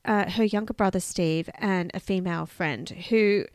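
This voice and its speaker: An Australian woman co-hosting a podcast, telling a true-crime case in casual, chatty talk with quick asides. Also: lowish voice, darkish tone, no echo, studio quality. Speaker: podcast co-host.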